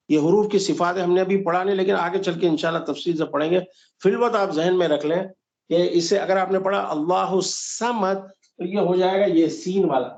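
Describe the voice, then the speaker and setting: Patient gravelly man teaching recitation. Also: a little high, darkish tone. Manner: patient, explains step by step and models recitation slowly. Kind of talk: online tajweed class. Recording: dull lo-fi roomy audio.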